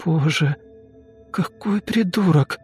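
A man voicing a sulky, rude young woman who talks in a snappish, slangy way and turns shrill when upset. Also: very animated, measured pace, darkish tone, husky, soft background music, heavily acted. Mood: panicked.

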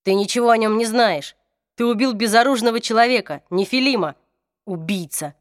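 A stern young warrior gives urgent commands, as a woman reader puts him on. The voice stays fairly high for a man, read close and dry. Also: a little fast, dry recording, lightly acted.

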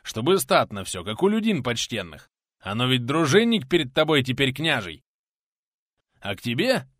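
A man voicing a stocky, bearded former outlaw, a gruff, teasing man with a hoarse, coughing voice. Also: medium pitch, very animated, moderate pace, a bit bright, no room sound, clean studio sound. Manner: gruff, threatening, mocking.

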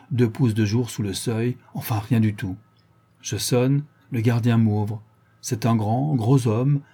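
A man reading the part of a cunning old one-eyed woman thief, reporting in brisk detail in an audiobook. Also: medium pitch, mellow, breathy edge.

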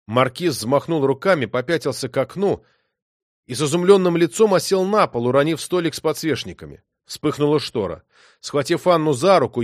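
A man narrating a novel in the first person, expressive and dramatic. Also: mid-range voice, no echo, clean studio sound. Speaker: audiobook reader.

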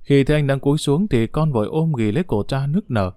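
A man telling a family story as scripted narration, in a calm, even way. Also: mid-range voice, a little fast, dry recording, studio quality.

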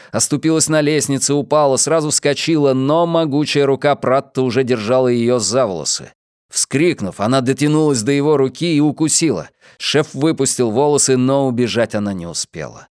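A man's voice: medium pitch, no echo, clean studio sound. A man reading a novel aloud as a narrator, with a tense, dramatic delivery. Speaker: audiobook reader. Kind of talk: scripted narration.

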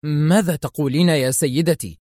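A man voicing a nervous bespectacled male programmer who answers calmly and hesitantly. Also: mid-range voice, fast talker, dry recording, clean studio sound, natural voice. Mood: uneasy. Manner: hesitant, calm replies.

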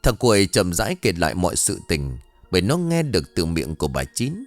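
A man narrating a ghost story in an expressive, dramatic scripted reading. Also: deep voice, brisk, no echo, faint music behind.

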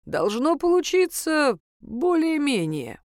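A woman voicing a gruff, mocking male reaper who speaks curtly and drily. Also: high voice, big pitch swings, slow pace, no echo, pitched above the performer's own voice, full character voice. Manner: dry, sarcastic, curt. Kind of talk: audiobook character voice.

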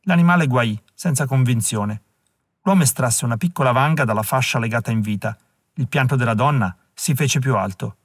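A man reading an audiobook as narrator in a measured, even storytelling delivery. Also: mid-range voice, dry recording, studio quality.

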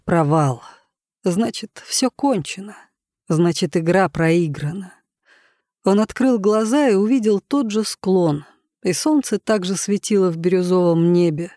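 A man narrating an audiobook in a steady, even reading voice. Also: high voice, no room sound, studio quality. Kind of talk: scripted narration.

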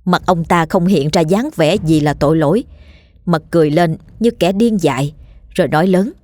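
A woman narrating a ghost story in a steady, vivid storytelling manner. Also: on the low side, moderate pace, dry recording. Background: faint background music.

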